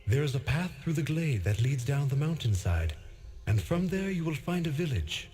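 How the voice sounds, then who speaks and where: A man voicing an ancient talking sword in a video game, a wise, calm spirit who speaks formally and gravely. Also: on the high side, normal speed, soft background music. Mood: guiding.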